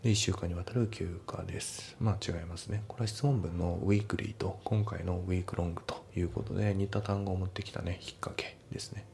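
A man tutoring for an English test, explaining each answer and its pronunciation step by step in a relaxed, casual way. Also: sits low, fast talker, creaky, hardly any pauses, slight background noise.

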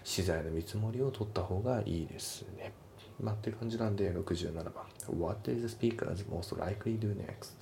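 A man's voice: low voice, mellow, slight background noise. A man teaching a test-prep English lesson, explaining the grammar step by step and repeating each pronunciation point twice.

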